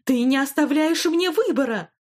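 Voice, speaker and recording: A woman's voice: fairly low pitch, lively intonation, fairly quick, a little mellow. Woman voicing a stern school headmistress. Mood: indignant. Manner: stern, formal, indignant. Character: stern middle-aged female school headmistress. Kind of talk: audiobook character voice.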